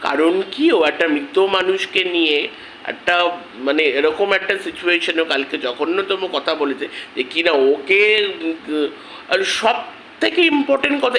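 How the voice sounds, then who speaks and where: A man with a headache, talking slowly and quietly in an angry protest vlog on his channel. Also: sits high, a little hiss or hum, poor audio. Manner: speaks slowly and quietly, rising in anger. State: has a headache. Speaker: vlogger.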